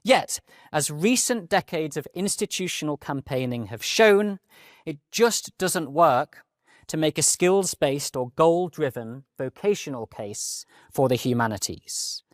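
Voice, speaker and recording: A man's voice: fairly high pitch, lively intonation, measured pace, no echo. Posh male professor, dry close sound. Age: late 30s. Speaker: university professor giving a lecture. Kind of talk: prepared academic lecture with rhetorical flourishes.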